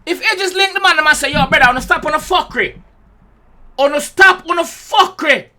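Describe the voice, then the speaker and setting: A young man with a Jamaican accent gives an excitable reaction commentary, full of loud exclamations and swearing. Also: extremely high pitch, quick pace. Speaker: music reaction host.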